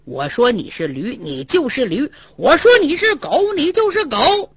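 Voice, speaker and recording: A woman voicing a hot-tempered, brash male warrior who shouts and taunts in a traditional storytelling performance. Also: sits high, very animated, measured pace, husky, no echo, muffled recording, full character voice. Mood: angry blustering. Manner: loud, blustering, taunting.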